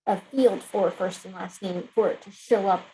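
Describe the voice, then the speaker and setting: A woman speaking as a remote attendee over a video call, asking a hesitant, halting question during a live Q&A. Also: medium pitch, steady tone, dark tone, a little hiss or hum, low-quality recording. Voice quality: call audio breaking up at times. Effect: remote caller's voice over a video call. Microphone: computer or headset mic on a video call.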